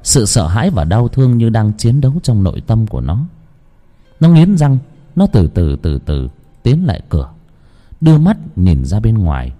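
A man's voice: on the low side, very animated, moderate pace, warm tone. A man narrating a ghost story in a dramatic, suspenseful way. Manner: dramatic, suspenseful, wide-ranging delivery.

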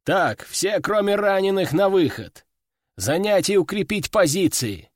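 A man voicing a gruff, bossy male army veteran who barks orders and curses at his soldiers, in an audiobook. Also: high-pitched, lively intonation, measured pace, no echo, studio quality, voice pushed up. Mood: barking.

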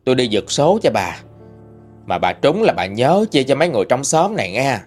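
A man voicing the sad, hungry ghost of an old woman who pleads in a low, mournful way. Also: sing-song, brisk, faint music behind. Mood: mournful pleading.

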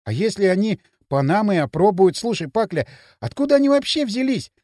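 A man's voice: high-pitched, big pitch swings, a little fast, a little mellow, no room sound, clean studio sound. A man voicing a timid, plump young man who mumbles and frets nervously.

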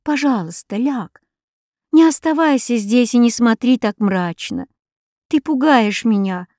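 A woman voicing a timid, gentle girl who is the tearful older sister, pleading softly in an audiobook. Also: a little high, expressive, unhurried, dry recording, clean studio sound, pitched above the performer's own voice. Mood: coaxing. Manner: soft pleading.

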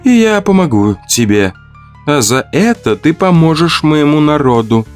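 A man reading aloud, voicing a fierce young woman who tames monsters in a high, solemn, insistent voice. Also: sing-song, a little slow, soft background music.

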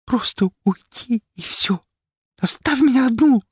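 A frightened young woman, her voice pitched far up and quivering, cries out in shrill panic and trembles on the verge of tears, as a male audiobook reader puts her on. The tone has a husky edge, and the recording is close and dry. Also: expressive, a little fast, dry recording, heavily acted. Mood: tearful despair. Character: terrified distraught young woman student on a ledge.

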